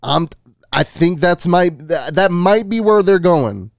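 A podcast host in his thirties gives a casual film review, speaking informally and sprinkling in "you know" and "man." His high-pitched, gravelly voice is animated but slow, captured close on a boom-arm microphone in a small home studio with no echo.

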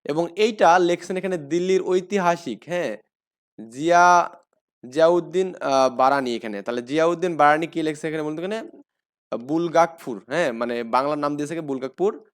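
A man's voice: fairly high pitch, moderate pace, clean tone. A man with a Bangladeshi Bengali accent teaching an exam-prep lesson. He asks questions, answers them himself, repeats key facts and uses a lot of fillers. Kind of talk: explaining lecture.

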